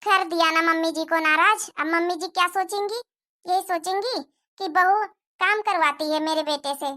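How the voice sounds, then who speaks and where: A polite young cartoon wife, as a woman voices her speaks softly and carefully. Her voice is very high and bright. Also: moderate pace. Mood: worried. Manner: polite, soft-spoken. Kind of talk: Hindi cartoon moral-story voice acting.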